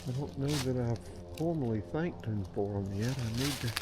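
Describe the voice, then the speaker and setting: An older man musing aloud in a rambling, unhurried way during a casual walk and talk, in short phrases. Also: mid-range voice. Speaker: vlogger. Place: outdoors walking in woods. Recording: clear outdoor noise, rustling and crunching.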